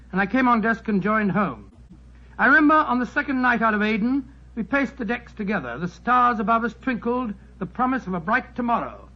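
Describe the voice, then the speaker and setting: An actor playing a genial, fussy elderly English doctor who spins yarns in a 1940s radio drama style. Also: male voice, extremely high pitch. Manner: avuncular, hemming, slightly grumbling. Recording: muffled 1940s radio broadcast, music behind.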